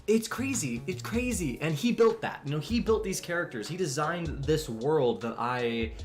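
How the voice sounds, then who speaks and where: This is a twenties-aged man chatting on a live drawing stream in an expressive, fairly high voice at a normal speed. His talk wanders, packed with fillers, false starts and frequent chuckles, while faint music sits behind him.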